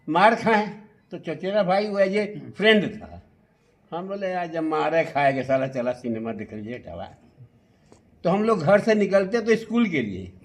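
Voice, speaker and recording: A middle-aged man with an eastern Uttar Pradesh Hindi accent, telling his story in an interview and putting earnest rhetorical questions to the interviewer. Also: high-pitched. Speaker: singer and actor, interview guest.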